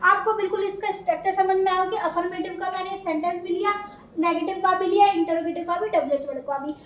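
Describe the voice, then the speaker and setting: A woman's voice: very high voice, fairly even intonation, fast, fairly bright tone, far from the mic. A woman with an Indian accent teaching an English grammar class, asking questions and answering them herself. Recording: echoey room, voice from afar, faint noise.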